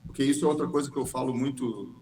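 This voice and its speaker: A man's voice: medium pitch, quick pace, darkish tone, roomy sound, low-quality recording. A man speaking in a podcast discussion, explaining points at length and acting out quotes from patients. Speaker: family physician podcast guest.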